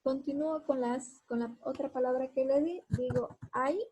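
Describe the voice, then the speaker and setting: A woman's voice: high voice, fairly even intonation, normal speed, dark tone, husky, rough recording. A woman teacher giving a lesson, explaining each step and talking straight to her students. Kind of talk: classroom lesson.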